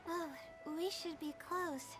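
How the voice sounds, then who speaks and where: Layla, a timid sleepy scholar. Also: female voice, very high-pitched, steady tone, slow pace, over music. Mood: timid musing. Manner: hesitant, rambling, apologetic. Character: shy, sleepy young woman scholar. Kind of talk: video game character dialogue.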